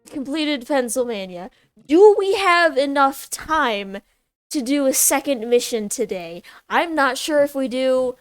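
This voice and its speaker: A woman giving casual, excitable commentary while she plays a video game, often squealing with delight. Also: high voice, a little slow, clean tone, no room sound, faint music behind. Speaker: gameplay streamer.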